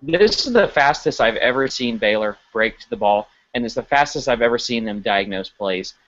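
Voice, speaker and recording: Male podcast co-host, casual game analysis, quick restarts, lo-fi audio. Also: mid-range voice, a little hiss or hum. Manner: animated, stumbling restarts while analyzing. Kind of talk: casual sports podcast chat.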